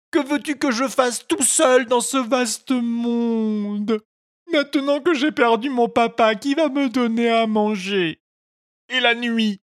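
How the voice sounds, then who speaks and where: A woman's voice: no room sound, studio quality. A woman voicing Pinocchio, a wailing puppet boy. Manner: high, sobbing, pleading cries. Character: young boy wooden puppet, emotional and impulsive.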